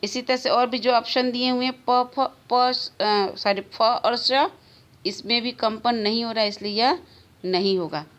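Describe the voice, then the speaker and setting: A woman teacher giving a recorded grammar lesson to schoolchildren, slowly repeating the key answers. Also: fairly high pitch, fairly even intonation, fairly bright tone.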